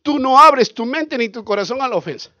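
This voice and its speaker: A male pastor, preaching a sermon in an animated way, asking questions and acting out scenes. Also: very high voice, brisk, dry recording, lo-fi sound. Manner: animated, asks the congregation questions, acts out scenes.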